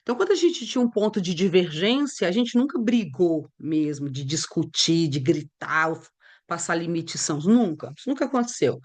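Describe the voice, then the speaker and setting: Animated woman teaching. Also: medium pitch. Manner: conversational, animated storytelling with acted dialogue. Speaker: Bible teacher.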